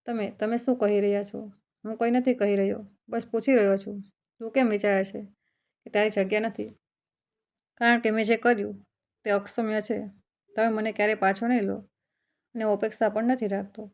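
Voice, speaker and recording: A woman narrating a family story in a calm, even storytelling manner, speaking as the father. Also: medium pitch, fairly quick, pauses often.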